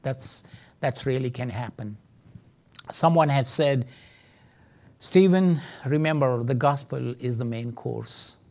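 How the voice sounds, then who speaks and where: Gravelly man with a Pakistani accent, teaching. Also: medium pitch, unhurried. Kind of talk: teaching seminar with sermon-like exhortation.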